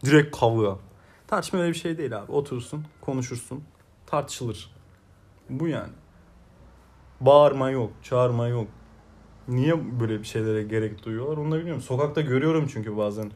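A man's voice: mid-range voice, brisk, long pauses, a little mellow. A young man chatting casually as a co-host, laughing often and acting out the people he quotes. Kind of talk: casual chat.

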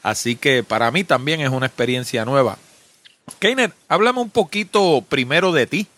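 A male podcast host with a very animated voice that swings up and down as he talks. His delivery is chatty and relaxed, full of little filler phrases. The sound is close and dry, with no room around it. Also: medium pitch, normal speed, no room sound. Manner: chatty, animated, leans on the filler 'qué sé yo'. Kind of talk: conversational podcast intro and interview.

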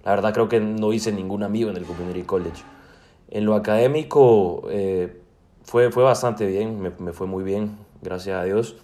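A Salvadoran man in his twenties, a student guest, answers interview questions with a Salvadoran Spanish accent. His voice is lowish and dark, his pace moderate, and he speaks casually and hesitantly, full of fillers and restarts.

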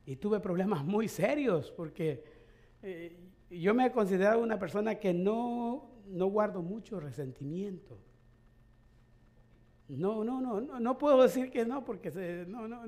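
Hombre predicando con preguntas retóricas. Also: male voice, high-pitched, animated, measured pace, darkish tone. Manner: conversational preaching with rhetorical questions and chuckles. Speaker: pastor. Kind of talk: sermon.

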